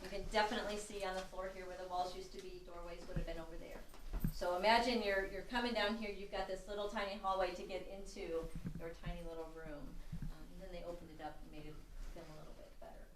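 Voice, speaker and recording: A middle-aged woman leads a tour group, chatting and laughing at herself as she tells stories. Her voice sits on the low side and carries through a big, echoey empty room. She is heard from some distance off, with no microphone close by. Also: fairly even intonation, fast, noisy background. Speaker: tour guide and building owner. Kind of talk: casual storytelling to a tour group. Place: large old empty building indoors. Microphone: no mic, heard from a distance.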